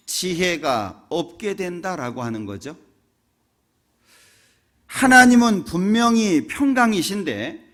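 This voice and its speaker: A man's voice: on the high side, a bit bright. A man preaching a sermon in a church. He tells a funny story and keeps asking the congregation rhetorical questions. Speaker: pastor. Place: church sanctuary.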